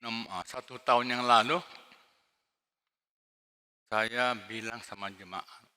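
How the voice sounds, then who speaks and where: A male pastor preaching a sermon, swinging between shouted emphasis and quiet asides. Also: mid-range voice, steady tone, takes it slowly, clean tone. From Indonesia. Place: large church hall. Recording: long hall reverb.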